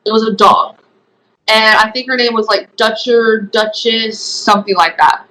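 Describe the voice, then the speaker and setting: A woman's voice: a little high, steady tone, normal speed, bright, forceful tone, rough recording. A young woman giving a personal testimony as an interview guest, retelling events earnestly with many fillers. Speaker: guest, former program resident.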